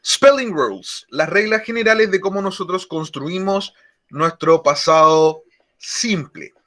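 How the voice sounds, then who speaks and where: Bright-voiced male teacher, slow and deliberate. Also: high voice, lively intonation. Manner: slow, deliberate explanation, repeats key words. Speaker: English teacher. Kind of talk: online grammar lesson.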